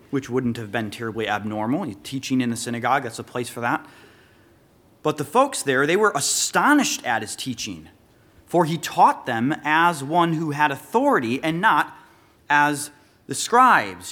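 A man preaching a sermon, reading scripture aloud and explaining it verse by verse, slowing to stress key words. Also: fairly high pitch, fairly bright tone. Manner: earnest expository preaching, reads scripture then explains it. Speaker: pastor.

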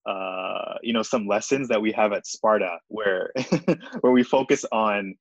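A young man appears as a guest in a casual chat, his fairly low voice unhurried and hesitant, full of fillers and frequent laughs. Japanese is not his first language. The recording has no room sound and its highs are cut off.

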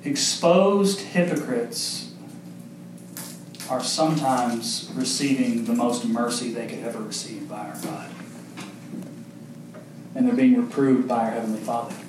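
A man's voice: medium pitch, a little slow, pauses often, background noise. A young man preaching a sermon, speaking directly to his congregation and building in intensity. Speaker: pastor. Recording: echoey hall, mic far off.

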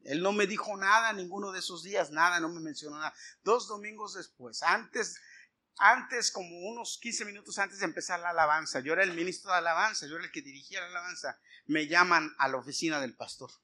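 A man's voice: high voice, fast talker. A middle-aged man, preaching a sermon as he tells a personal story and acts out the dialogue. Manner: animated storytelling, acting out dialogue.

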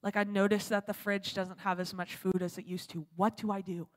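A woman preacher doing a devout, joyful old widow who calls out her prayers with fervent exclamations. Her voice sits a little high and rings through a long church-hall reverb. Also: lively intonation, a little fast, fairly bright tone. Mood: worried, hushed.

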